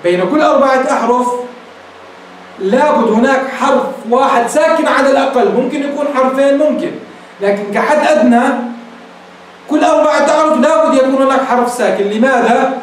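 A sheikh teaching a grammar lesson, asking rhetorical questions and repeating his examples slowly, addressing his listeners as beloved ones. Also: very high-pitched. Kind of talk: classroom grammar lecture. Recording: very echoey room, voice from a distance, faint noise.

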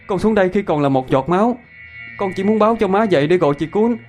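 Ghost child, voiced by a male storyteller: high, urgent, pleading, faint music under. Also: lively intonation, fast, a little mellow. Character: ghost child, small girl, pleading and frantic.

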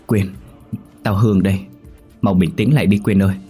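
A man's voice: sits low, fairly even intonation, normal speed, warm tone, husky, faint music behind. A man voicing a worried young woman who calls out urgently to her friend, in a horror story reading. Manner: urgent, calling out.

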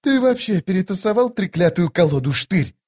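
A man voicing a sharp-tongued woman corporal with a husky, curt and commanding way of talking. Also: high-pitched, expressive, moderate pace, pitched above the performer's own voice. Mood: impatient.

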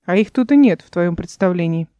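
A woman reading the lines of a calm, knowing male spirit guide in an audiobook, matter-of-fact and quietly teasing. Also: lowish voice, fairly quick, no room sound, dull audio, natural voice.

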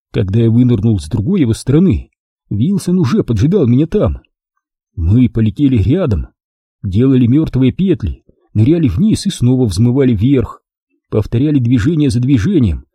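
A man's voice: mid-range voice, warm tone, slightly rough, no room sound, studio quality. A man narrating a children's story in the first person as an audiobook reader.

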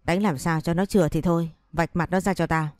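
A woman's voice: on the low side, fairly even intonation, brisk, darkish tone, no echo, clean studio sound, natural voice. A woman voicing a furious, vengeful wife who scolds and threatens, as part of a read-aloud story. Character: furious betrayed wife, sharp-tongued and vengeful.

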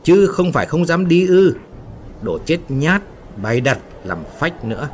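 A man voicing frightened, quarrelsome female factory workers in a spoken ghost story, shrill and scolding. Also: expressive, normal speed, a little hiss or hum, lightly acted. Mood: taunting.

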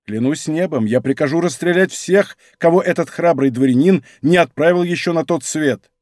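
A male narrator plays a stern army general in an audiobook. His speech is measured and resonant, commanding without haste. The voice stays dry and close. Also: a little high, a little mellow, no echo, lightly acted.

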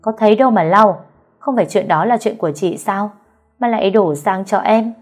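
A woman's voice: medium pitch, moderate pace, voice pushed up, natural voice. A woman playing a rude, smug young sister-in-law in an audio story, sneering back in a raised, pointed voice. A faint music bed sits under her. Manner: sneering, dismissive.

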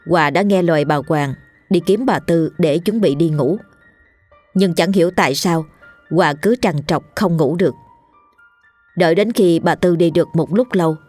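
A woman reads a ghost story aloud in a steady, measured way. Her voice sits on the lower side, and soft music runs faintly beneath her. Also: no room sound. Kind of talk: scripted ghost story narration.

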